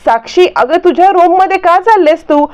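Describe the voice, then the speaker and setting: A woman voicing a flustered older aunt who talks loudly to stall someone. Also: sits high, animated, moderate pace. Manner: loud, stalling.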